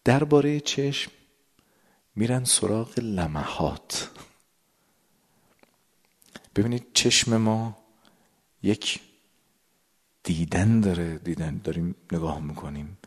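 A man preaching to a gathering with a very deep, low voice. He lingers over words and slows down for emphasis. Now and then he sinks to a near-whisper. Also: expressive. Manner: drawn-out words, sudden drops to a whisper. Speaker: religious lecturer. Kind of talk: sermon explaining a prayer text. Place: gathering with a live audience.

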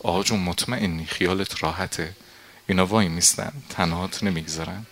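An anxious, devoted woman asks her questions with worry, in a male preacher's telling. The voice stays bright and tense, and the delivery is quiet. The mood is worried. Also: deep voice, slight background noise.

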